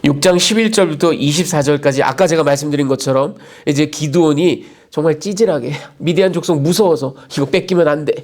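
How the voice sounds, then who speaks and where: A man's voice: a little high, fairly quick, hardly any pauses. A male pastor preaching a sermon in a conversational way, often checking in with his listeners through rhetorical asides.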